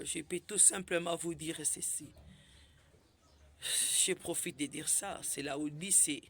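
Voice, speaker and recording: A woman's voice: fairly low pitch, bright, forceful tone, no echo. A woman giving an informal sermon, exclaiming often and punctuating her talk with amens. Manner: exclamatory, frequent amens, shifts between French and Lingala. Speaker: preacher.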